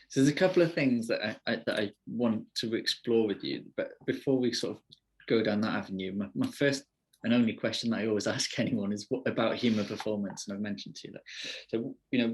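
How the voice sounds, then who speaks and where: A man's voice: on the low side, a little fast, creaky, slightly rough. A man hosting a podcast interview, casual and easygoing, with frequent hesitations. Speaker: podcast host.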